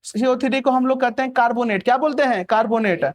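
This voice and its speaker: A man's voice: very high voice, quick pace. A young male teacher teaching chemistry. He asks a question, answers it himself, repeats the key words and keeps checking that the students understand. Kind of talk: chemistry lesson.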